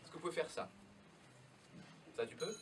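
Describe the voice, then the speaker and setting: The children's party magician, a man, speaks in a fairly high, expressive voice at a normal pace, playfully and theatrically urging young spectators with questions and instructions. The live show was recorded from afar, very noisy, with the kids' audience audible.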